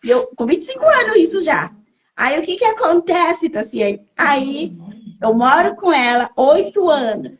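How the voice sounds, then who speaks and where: A high-pitched woman in her thirties shares her personal testimony as a podcast guest. She tells the story with strong emotion and comes back to key phrases again and again to drive them home. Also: big pitch swings, unhurried.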